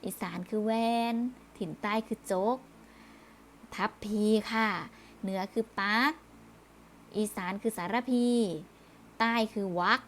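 A woman's voice: mid-range voice, steady tone, takes it slowly, long pauses, a bit bright, slight background noise. A woman teaching primary school children in a recorded review lesson, speaking patiently, repeating words and closing phrases politely.

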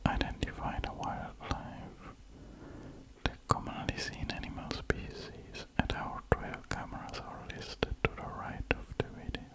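A man whispers close to the microphone in a soft ASMR wildlife watching style. His whisper is breathy and unvoiced, with no full tone behind it. He takes his time, reading aloud slowly and adding hushed comments as he goes. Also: poor audio. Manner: slow, hushed, unhurried. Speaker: ASMR host. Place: indoors at a computer.

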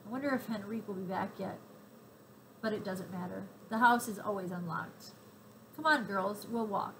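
A woman reading aloud, voicing a calm, gentle mother speaking to her daughters. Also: medium pitch, moderate pace, a little hiss or hum, natural voice, low-quality recording. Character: calm, warm mother of two girls.

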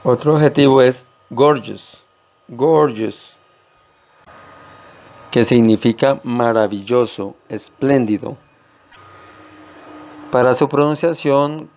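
Slow, deliberate male language teacher. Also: mid-range voice, darkish tone. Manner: slow and deliberate, repeating each word carefully. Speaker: English teacher. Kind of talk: slow-paced language lesson.

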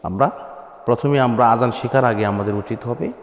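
A man from Bangladesh teaching the azan, who explains plainly and then sings long drawn-out chanted phrases as examples. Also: medium pitch. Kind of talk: spoken lesson with chanted examples. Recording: echoey room with long reverb.

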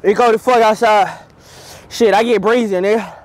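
A man's voice: high voice, moderate pace. A young man vlogging casually and swearing in exasperation, nauseous, with his mouth burning from spicy food. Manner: exasperated, animated complaining with heavy swearing. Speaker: vlogger doing a food challenge. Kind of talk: casual vlog chat. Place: parking lot and inside a parked car.

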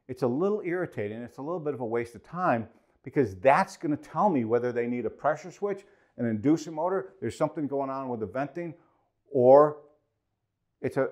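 Male trainer, 40s, emphatic product explainer, lapel mic in a small studio. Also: medium pitch. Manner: emphatic, gestures a lot, repeats key points. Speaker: HVAC trainer for a distributor. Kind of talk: product demo and technical explainer. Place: indoor studio with whiteboard and acoustic foam.

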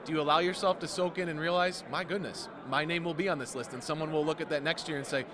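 A man's voice: fairly high pitch, fairly even intonation, crowd noise. A young man, a TV sports reporter, asking upbeat questions into a handheld mic at a red carpet event. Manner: upbeat, quick leading questions.

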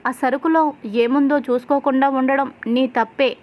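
A woman's voice: high voice, steady tone, normal speed, darkish tone, close to an everyday voice. A woman reading the lines of a loyal, hot-tempered young husband in a retold serial story.

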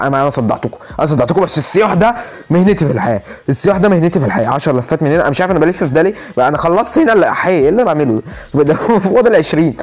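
A man with an Egyptian Arabic accent giving excitable live gameplay commentary, repeating himself rapidly and pleading and joking with his viewers. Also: fairly high pitch. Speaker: gaming YouTuber.

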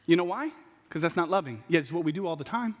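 A young man preaching a passionate, animated sermon from a church pulpit, acting out what people say. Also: a little high, fast. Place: large church stage at a pulpit. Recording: long reverb of a large hall.

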